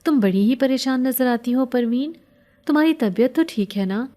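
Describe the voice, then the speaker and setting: A woman's voice: high voice, warm tone, voice pushed up, natural voice. A woman voicing a concerned, scolding female relative who speaks in a reproachful way.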